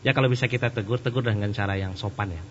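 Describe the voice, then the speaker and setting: Joking preacher in an echoey hall. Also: male voice, fairly low pitch, fast talker, fairly bright tone. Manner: joking, chatty storytelling. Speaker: Islamic preacher. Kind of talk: sermon with audience questions. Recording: echoey hall, dull and slightly noisy.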